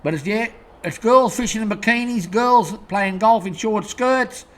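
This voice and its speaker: Australian man, high-pitched voice, angry rambling rant, constant swearing. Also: a little slow, a bit bright. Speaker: host. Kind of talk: profane rant to camera.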